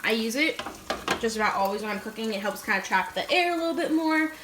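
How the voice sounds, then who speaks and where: A young woman talking casually and informally to her vlog viewers, often softening things with filler words like "like" and "kind of". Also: fairly high pitch, expressive, quick pace. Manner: chatty, informal, hedging with "like" and "kind of". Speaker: fitness vlogger. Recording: roomy echo, faint background noise.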